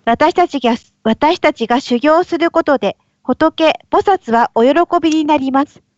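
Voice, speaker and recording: A woman reading a text aloud with careful, measured phrasing, heard over an online call with a choppy connection. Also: sits high, no room sound. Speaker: participant reading aloud in a study group. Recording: lo-fi call audio.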